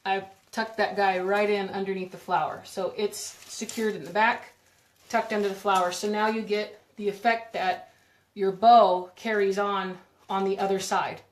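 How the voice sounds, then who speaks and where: A woman's voice: medium pitch, flat delivery, normal speed. Chatty woman crafting live in an echoey room. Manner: chatty, rambling, giggly, talks while working with her hands. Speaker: craft video host. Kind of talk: live-stream crafting demo, chatting with viewers.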